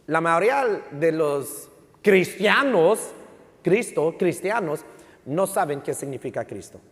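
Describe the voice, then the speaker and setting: Taking it slowly, the pastor uses a fairly bright, slightly high voice with wide pitch swings. His emphatic, teaching sermon alternates between English and Spanish, repeats key lines and questions the congregation rhetorically, all in a reverberant indoor church hall.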